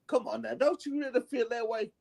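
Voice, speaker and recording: A man's voice: extremely high pitch, fairly even intonation, fairly quick, vocal fry, darkish tone, slightly rough. A man co-hosting a talk show, giving opinions in an emphatic, joking way. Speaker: co-host. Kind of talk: casual opinionated chat.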